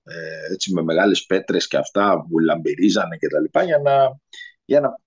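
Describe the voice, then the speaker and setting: A man speaking as a guest on a talk radio show, hesitant and full of filler sounds, with a husky voice. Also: low-pitched, animated. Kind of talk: unscripted radio conversation. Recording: lo-fi radio recording.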